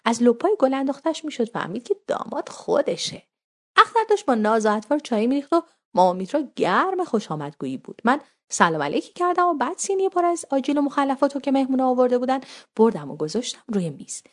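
A woman's voice: high voice, very animated. A woman narrating a first-person story in casual spoken language, wry and conversational.

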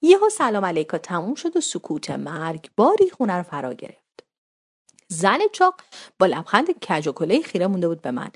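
Woman narrating a story, animated pitch. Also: breathy edge. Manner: conversational, wry first-person telling.

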